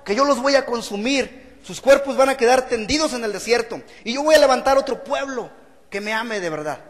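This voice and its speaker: A pastor acting out a stern divine voice that threatens to destroy a stubborn people. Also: male voice, very high-pitched, expressive, brisk, long reverb tail. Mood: wrathful. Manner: commanding, stern.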